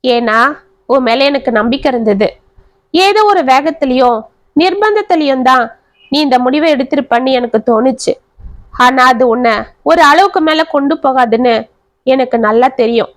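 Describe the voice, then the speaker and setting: A woman voicing a calm, loving middle-aged mother who reassures softly and steadily. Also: high voice, normal speed, pauses often, no room sound. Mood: tender.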